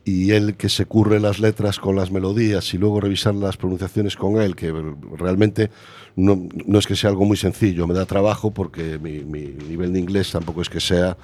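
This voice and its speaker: A man from Galicia, Spain, with a Galician Spanish accent and a very deep voice, is the guest in a relaxed, casual interview. He talks about his music hesitantly, pausing to search for words and gently putting himself down.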